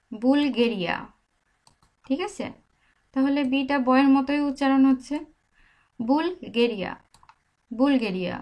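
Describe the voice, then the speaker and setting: A young woman teaching a language lesson, slowly repeating each sound for the listener to copy. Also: high-pitched. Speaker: language tutor. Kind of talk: slow spoken language lesson.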